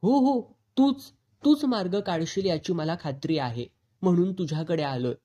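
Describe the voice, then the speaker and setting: A desperate, pleading male friend begs his old companion for help in a storybook reading, as a man puts him on. The voice stays dark and mellow, and the pleas lift slightly in pitch. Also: animated, moderate pace, highs cut off. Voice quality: pleading, helpless.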